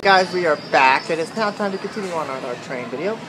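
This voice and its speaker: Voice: mid-range voice, animated, quick pace. A vlogger giving casual, off-the-cuff commentary while filming a train ride. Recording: very noisy crowded outdoor train ride. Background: loud crowd, train and outdoor noise.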